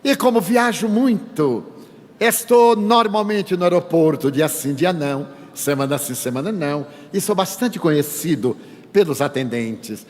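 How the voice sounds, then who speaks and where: A man's voice: a little high, animated, a little slow. Older man telling a spiritist talk. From Bahia, Brazil. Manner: storytelling, acts out dialogue, humorous. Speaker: spiritist speaker. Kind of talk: sermon-style lecture with anecdotes. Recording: reverberant hall.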